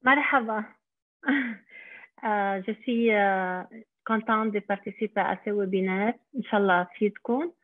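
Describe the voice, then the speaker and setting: A middle-aged Lebanese woman who directs a daycare centre gives a hesitant personal testimony on a webinar, using many fillers and speaking with an Arabic accent. Her medium-pitched voice moves a little slowly. The video call audio has no room sound but is tinny and phone-like.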